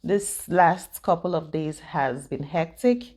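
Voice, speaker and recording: A woman's voice: sits low, slow, darkish tone. A woman vlogging casually to the camera from home in the morning, chatty and rambling, laughing often and restarting her sentences. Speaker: YouTube vlogger. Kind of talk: casual direct-to-camera vlog chat.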